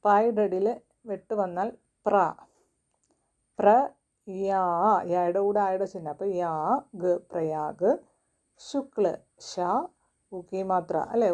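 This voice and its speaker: A woman teaching a children's reading lesson. She sounds out words slowly, syllable by syllable. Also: mid-range voice, warm tone, muffled recording. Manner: slow, syllable-by-syllable spelling.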